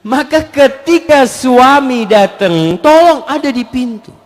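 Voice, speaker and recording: A male Indonesian preacher giving an animated sermon with questions and answers, acting out wives and husbands and dropping in Arabic phrases. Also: very high-pitched, slow. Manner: animated, acts out wives and husbands in quoted voices; mixes Arabic phrases into his talk.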